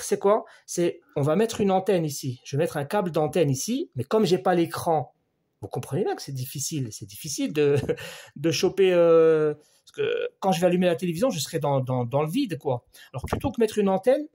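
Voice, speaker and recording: A man with a slightly high voice walks through a TV board repair in French, patient and talking right to the viewer. He repeats his main points as he measures, and his voice sometimes sinks quieter when he leans in over the board. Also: lively intonation, fairly quick. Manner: explains step by step, addresses the viewer directly, repeats key points. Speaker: electronics repair instructor. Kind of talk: hands-on repair tutorial.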